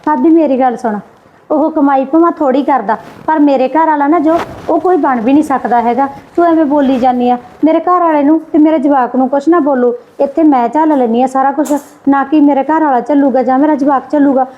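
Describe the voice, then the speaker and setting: A patient, pleading young mother, played by a woman, soothing and placating in a high, quick voice. The recording is slightly dull and muffled. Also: close to an everyday voice. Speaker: visiting daughter and mother.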